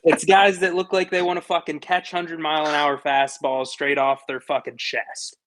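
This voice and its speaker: A young man with a Pittsburgh accent co-hosting a casual sports podcast, telling profane, animated stories and acting out his own reactions. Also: a little high, normal speed. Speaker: podcast co-host.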